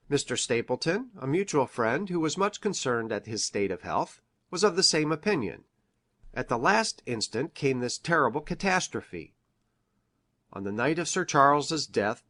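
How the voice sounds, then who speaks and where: A man acting an educated country doctor in a classic mystery drama. He is grave and earnest, laying out his account formally and precisely, with a middle-pitched voice and measured storytelling. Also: a bit bright, natural voice.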